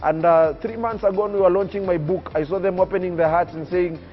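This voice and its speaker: A nineteen-year-old man from Kenya, a young public speaker on TV, tells his personal story earnestly in an emphatic, oratorical, preacher-like way. His high voice keeps a fairly even intonation and a quick pace. The sound is lo-fi, with faint music behind.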